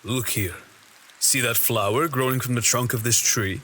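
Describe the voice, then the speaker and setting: This man plays a composed, stern lord who keeps a watchful eye on his companion and guides him through a fantasy audio drama using formal, archaic, commanding speech. The delivery is mid-pitched and fairly even at a normal speed, with a bright, forceful tone.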